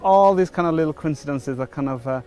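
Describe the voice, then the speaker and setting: In this testimony interview, a church member, a middle-aged man from Wales, talks about his faith ahead of being baptized, stumbling through fillers and frequent restarts. He speaks quickly in a fairly high voice with a dark tone.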